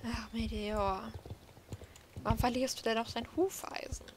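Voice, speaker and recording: A woman's voice: on the high side, fairly even intonation, a little slow, noisy background. A woman giving casual, playful commentary while she plays a horse-riding game, talking to herself. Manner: chatty self-talk, playful. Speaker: let's play host.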